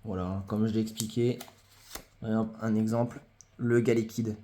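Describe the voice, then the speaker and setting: Showing his trading card collection in a casual vlog, a man speaks at a moderate pace in a fairly low, dark voice with little pitch movement. He hesitates often, leaning on fillers and saying the same phrases again.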